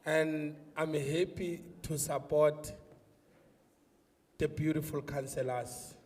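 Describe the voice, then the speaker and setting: A man with a mellow, darker voice gives a measured address of support. He speaks away from the microphone, and a large hall's long reverb surrounds him. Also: fairly high pitch, fairly even intonation. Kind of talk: rally address. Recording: distant mic, long hall reverb.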